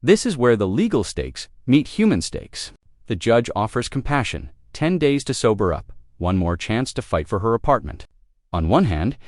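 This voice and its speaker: A man's voice: medium pitch, darkish tone, no echo, clean studio sound. A man delivering scripted dramatic commentary in an emphatic, rhetorical way. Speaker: narrator and commentator.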